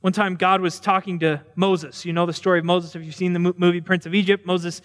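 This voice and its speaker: A man's voice: sits high, level tone, a little fast. A male preacher giving a sermon in a casual, storytelling way, asking his listeners questions as he goes. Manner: conversational, storytelling, asks questions. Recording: long reverb of a large hall.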